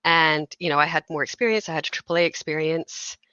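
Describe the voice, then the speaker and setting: A woman in her thirties talks in a low but bright voice and tells her stories in an emotional, animated way. The sound is dry and close, and the recording is a little dull. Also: fast talker, clear, resonant tone, no echo. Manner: emotional, animated storytelling with laughs. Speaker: game designer. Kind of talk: conversational interview.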